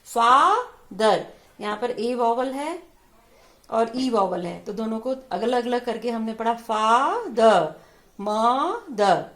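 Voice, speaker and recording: Slow woman teacher sounding out words. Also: on the high side, a little mellow. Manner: sounds words out syllable by syllable, repeating them; mixes Hindi explanation with English words. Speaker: English teacher. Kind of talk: slow classroom lesson on vowel sounds.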